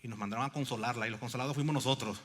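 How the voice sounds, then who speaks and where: A male pastor telling a story in a sermon, swinging between hushed passages and loud, emphatic ones. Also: medium pitch, very fast.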